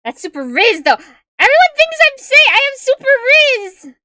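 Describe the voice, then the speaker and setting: Very high and very animated, this woman's sharp voice runs at normal speed on a dry, clean studio recording. As a streamer in casual chat with viewers, she uses a tiny, cute voice, laughs frequently between remarks, and rambles with fillers and self-corrections.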